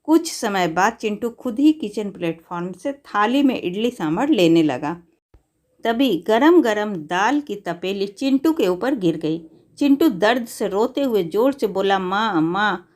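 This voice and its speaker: A woman tells a scripted moral story for a family audience. Her mid-pitched voice stays measured and even, a calm storybook reading from start to finish.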